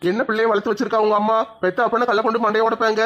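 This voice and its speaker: A man's voice: high voice, level tone, racing, a bit bright. An actor playing a drunken, shameless middle-aged father. He talks in a blustering, mock-pleading way. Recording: dull lo-fi sound.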